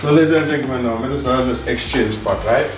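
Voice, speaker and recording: A man with a Jamaican accent talks casually through a home cooking demonstration, dropping in patois phrases as he goes. His voice sits at an ordinary middle pitch. The kitchen is echoey, and music plays clearly underneath. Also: fast talker. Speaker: home cook and vlog host.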